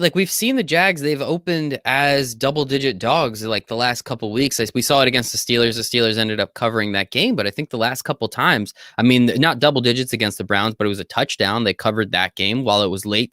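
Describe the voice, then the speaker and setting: A man co-hosting a sports betting show, talking fast and full of jokes, with casual swearing mixed in. His voice sits at a middle pitch. The sound is close and dry, with no room echo. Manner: energetic, jokey, swears casually. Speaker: podcast co-host.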